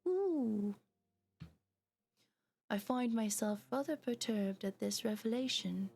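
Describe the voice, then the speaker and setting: A woman's voice: mid-range voice, steady tone, normal speed, gravelly, darkish tone, faint music behind. A woman streamer who chats casually and reads a story game aloud, with lots of fillers and giggles. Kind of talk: reading a story game aloud while chatting.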